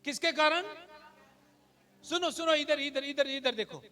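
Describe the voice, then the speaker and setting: A man preaching a sermon as pastor, mixing in English phrases, building to shouted emphasis and calling out hallelujah. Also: extremely high pitch, measured pace.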